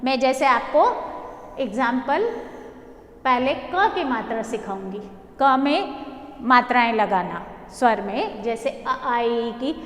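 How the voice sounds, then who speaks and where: High-voiced woman teaching small children. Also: expressive. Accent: Indian. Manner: slow, sing-song drilling, reassuring. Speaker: primary school teacher. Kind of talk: Hindi lesson for young children. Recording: echoey room with long reverb.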